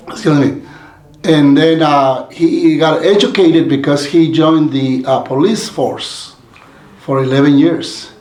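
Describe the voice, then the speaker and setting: A man's voice: a little high, slow pace, long pauses. Rambling Mexican-born man telling stories, echoey room. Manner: rambling, warm storytelling with frequent restarts and fillers. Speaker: community leader guest. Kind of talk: casual interview storytelling. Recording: roomy echoey sound.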